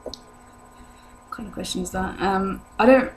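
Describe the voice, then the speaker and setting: Speaking at a normal pace in a mid-range voice, a young British vlogger responds to viewer questions on camera. A sore throat has made her voice lower than normal, and she rambles in a relaxed, hesitant way. Expect hum and background noise from a home recording.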